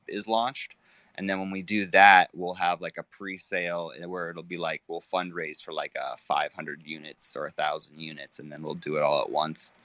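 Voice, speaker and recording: A low-voiced man with a bright, forward tone co-hosts a casual chat. He halts often and fills gaps with filler words. The sound is close and dry. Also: no room sound. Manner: halting, full of fillers like "like". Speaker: co-host.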